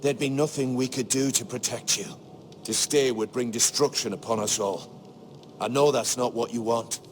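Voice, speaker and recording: Close to an everyday voice, this mid-range male actor portrays a loyal, grave and prudent older castle steward in a fantasy game drama. He speaks in a measured, earnest, formal way, solemn and consoling, with a little hiss or hum.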